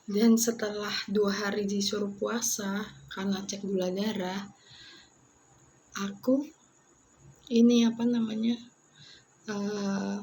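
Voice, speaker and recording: Young woman, vlogger, slow pace, fairly high voice, tearful and tired, halting speech, faint background noise. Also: level tone, a little mellow. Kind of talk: emotional personal vlog storytelling. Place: isolation ward room.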